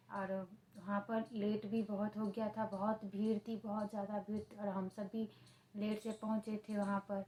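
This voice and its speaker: Hindi speaking mom vlogging about her day, pretty flat monotone voice, repeats herself a lot. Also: medium pitch, a little hiss or hum, low-quality recording. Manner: talks to her baby in a sing-song, playful tone; plain, flat and repetitive when telling the story. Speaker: vlogger, mother. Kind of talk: casual home vlog storytelling.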